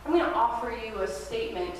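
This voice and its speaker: A woman pastor preaching a sermon at a pulpit microphone in a church sanctuary, in a gentle, reflective way that invites listeners to practice. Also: on the high side, lively intonation, fast talker. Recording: very echoey church hall, distant mic, faint hiss.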